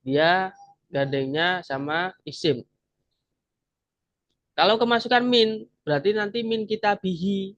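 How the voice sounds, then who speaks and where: A man leads a grammar lesson over a video call, his voice sitting a little high. He explains patiently and repeats each word to drill it in. The sound is dry and a bit dull, like a laptop mic. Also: unhurried, pauses often, a bit bright, no echo. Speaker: Arabic grammar teacher. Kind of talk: online class lesson.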